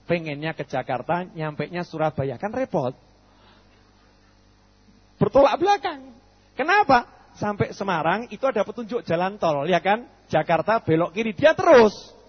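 A man gives an animated sermon, quizzing his listeners and answering himself. His voice sits high and sounds husky. The recording is dull and lo-fi, with long reverb from a hall. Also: moderate pace. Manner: animated, asks and answers his own questions. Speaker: preacher. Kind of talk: lively sermon with acted dialogues.

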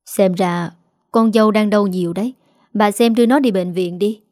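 A woman's voice: mid-range voice, moderate pace, darkish tone, no echo, clean studio sound, lightly acted. A woman voicing a mild, hesitant older father-in-law in an audio story.

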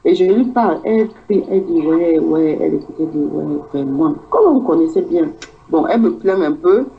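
A woman's voice: fairly low pitch, expressive, moderate pace, gravelly, dull audio. A woman with a Cameroonian French accent, telling her personal story in a rambling way and acting out the dialogue she quotes. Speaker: guest. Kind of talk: personal testimony in conversation.

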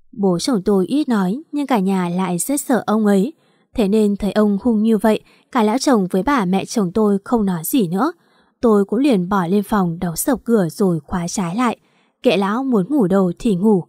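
A woman narrating a first-person family drama story in an even reading voice. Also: medium pitch, no echo, clean studio sound.

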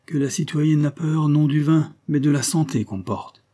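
A man's voice: fairly high pitch, normal speed, mellow, voice pushed up, natural voice. A man voicing a crude, mocking dinner guest in an audiobook. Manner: sneering.

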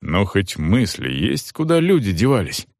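A man's voice: on the low side, wildly swooping pitch, moderate pace, no echo, studio quality, heavily acted. A man voicing a blunt, commanding wounded soldier who speaks curtly. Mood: stern. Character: gruff wounded male soldier, stern master.

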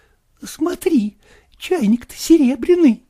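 Guy doing a gossipy old auntie, high eager gushing voice. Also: lively intonation, slow pace, dark tone, exaggerated voice. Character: fussy older aunt, meddling and gossipy.

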